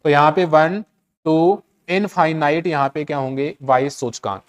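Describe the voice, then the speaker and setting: A male chemistry teacher with a Hindi accent explains a method step by step. His voice sits a little high and sounds smooth and resonant. He keeps repeating the key points and quizzing his students with rhetorical questions. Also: moderate pace. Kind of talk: classroom lecture.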